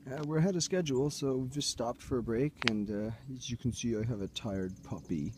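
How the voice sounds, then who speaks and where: A young man talks casually to his handheld camera while hiking and camping, pointing things out in an easygoing, chatty way. His voice sits at an ordinary middle pitch. A faint hush of outdoor air and insects sits behind him. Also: brisk, noisy background. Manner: easygoing, chatty, shows things to the viewer as he goes. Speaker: hiking vlogger. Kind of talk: casual vlog narration to camera. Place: outdoors on forest trails and at a campsite.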